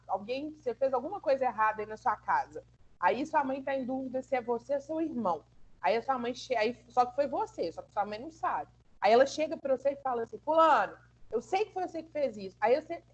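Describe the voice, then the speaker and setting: A woman's voice: fairly high pitch, darkish tone, slightly rough, dull audio. A woman teacher in a live online class, walking students through a story and explaining expressions with everyday examples and frequent checks for understanding.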